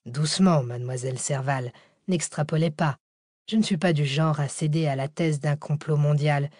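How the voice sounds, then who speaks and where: A woman reading a measured old-school professor. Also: low voice, mellow, no room sound, clean studio sound. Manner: measured, lecturing.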